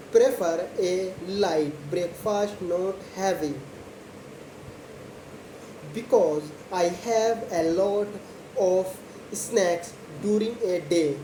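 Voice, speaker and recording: Speaking very slowly and with deliberate pauses between brief, simple phrases, a young woman whose first language isn't English hosts a slow-English practice video and talks learners through her daily routine. Her voice is soft, mellow, and somewhat low. Faint noise sits behind an echoey room sound.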